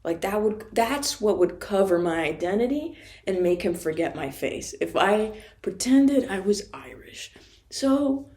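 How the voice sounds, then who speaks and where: A woman's voice: mid-range voice, sing-song, a little slow, a little mellow. A woman from Florida telling a rambling, profane, self-mocking story in a casual monologue and laughing often. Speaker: vlogger.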